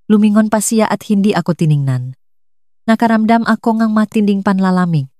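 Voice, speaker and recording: A woman narrates a first-person drama story at a steady storytelling pace. Her voice is a little low and has a mellow, warm tone. The recording is close and dry. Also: no room sound.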